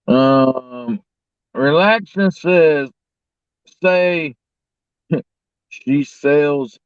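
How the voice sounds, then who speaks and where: A folksy man with a country American accent hosts a casual livestream chat. He talks very slowly in a slightly high voice. The sound is dry and a bit muffled. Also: smooth, no room sound. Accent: rural American. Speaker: livestream host. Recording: dull lo-fi audio.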